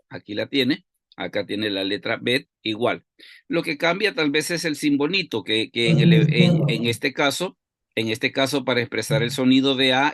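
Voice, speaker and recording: A man's voice: medium pitch, a bit bright, no echo, clean studio sound. A man teaching a Bible study lesson, explaining step by step and asking and answering his own questions.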